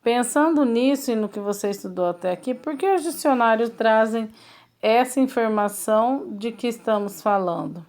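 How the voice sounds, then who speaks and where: A woman's voice: a little high, moderate pace, a little mellow. A woman teacher with a Brazilian Portuguese accent, patiently walking pupils step by step through a textbook exercise and checking in with them often. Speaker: schoolteacher. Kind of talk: recorded remote lesson going through a textbook.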